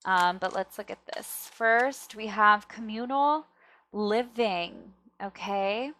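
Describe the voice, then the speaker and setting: A woman's voice: medium pitch, slow, pushed and bright. A woman hosting a casual pick-a-card reading, chatting to viewers and often checking in, with slightly thick-tongued, stumbling articulation. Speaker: tarot reader and video host.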